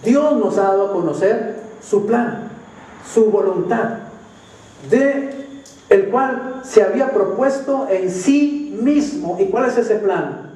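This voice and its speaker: Male pastor, sermon, mellow voice, fairly high pitch, echoey hall, far from the mic. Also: lively intonation. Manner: emphatic preaching with drawn-out key phrases. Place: church hall.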